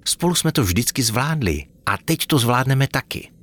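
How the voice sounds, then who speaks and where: A man voicing a cheerful female elf who briskly rallies the others. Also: medium pitch, animated, voice pushed up, natural voice. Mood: rallying.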